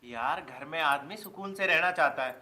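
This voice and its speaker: An actor playing a stubborn, cheeky young village husband with a Haryanvi accent, loud and quarrelsome with quick comic retorts. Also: male voice, fairly high pitch. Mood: exasperated. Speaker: comic lead in a village film.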